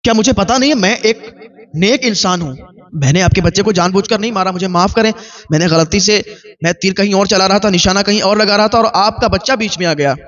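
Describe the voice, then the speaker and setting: A man's voice: high voice, a bit bright, recorded from a distance. A man voicing a frightened young male migrant worker who pleads for mercy in a raised voice. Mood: begging. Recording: dull lo-fi recording.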